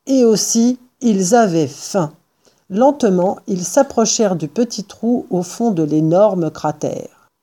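Slow, mellow-voiced woman reading aloud. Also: mid-range voice. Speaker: storyteller. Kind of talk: reading a children's book aloud.

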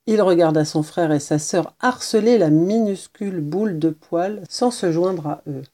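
A woman narrating a children's novel as an audiobook, in a gentle, measured storytelling voice. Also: lowish voice.

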